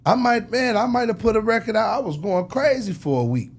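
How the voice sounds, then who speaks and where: Pitched high, very animated and fairly quick, a man speaks as a record executive under interview. His shop talk is casual yet fervent, and he hammers his case home with slang and repeated lines.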